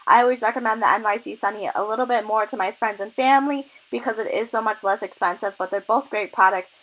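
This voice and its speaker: A woman's voice: mid-range voice, quick pace, a bit bright, poor audio. A young woman with a cold, a little out of breath, chatting enthusiastically through a makeup tutorial as a beauty vlogger. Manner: chatty, enthusiastic product tips.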